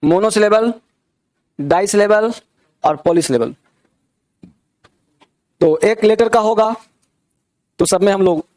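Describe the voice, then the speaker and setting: High-voiced man teaching a grammar class. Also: a little mellow. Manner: repeats questions to check understanding; drills examples slowly word by word.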